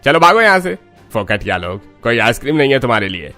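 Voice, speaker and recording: Woman playing a scornful ice cream seller in a cartoon, deep and rough. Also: big pitch swings, fast talker, a bit bright, faint music behind, exaggerated voice. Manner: gruff, dismissive. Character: rude stingy male ice cream vendor.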